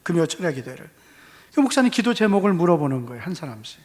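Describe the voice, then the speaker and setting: Animated Gyeongsang preacher in a reverberant church. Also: male voice, on the high side, fast talker. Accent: Gyeongsang Korean. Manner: animated storytelling, acting out dialogue. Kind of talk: testimony sermon. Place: church hall.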